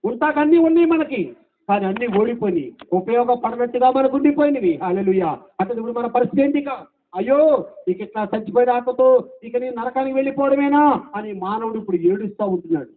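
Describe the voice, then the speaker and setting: High-voiced man preaching, tinny sound. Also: expressive, quick pace. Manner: repetitive rhetorical questions, calls of hallelujah; emphatic, swings between loud and soft delivery. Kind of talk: gospel sermon. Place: gospel meeting.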